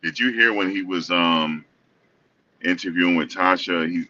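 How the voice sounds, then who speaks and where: Man, very deep voice, casual co-host chat, halting with fillers, distant muffled mic. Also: pushed and bright, slight background noise. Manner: loose, hesitant, with many fillers and restarts.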